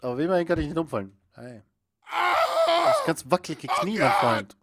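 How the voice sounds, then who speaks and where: A man giving jokey, excitable commentary while playing a video game, often shouting at it. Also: a little high, brisk, slight background noise. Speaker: let's play gamer. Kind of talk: casual gameplay commentary.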